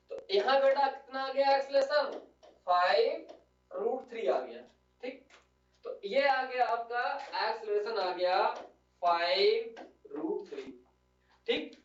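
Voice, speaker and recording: A man with a very high voice gives a physics lecture in a classroom, coaxing his students, calling them "beta" and repeatedly asking "clear?". The room is echoey and the mic is distant and lo-fi.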